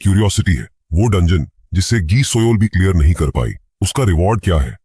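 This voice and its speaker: A man's voice: deep voice, expressive, a little fast, mellow, breathy edge, no room sound, studio quality, exaggerated voice. A man voicing a cold, menacing male assassin who speaks with doubt and threat.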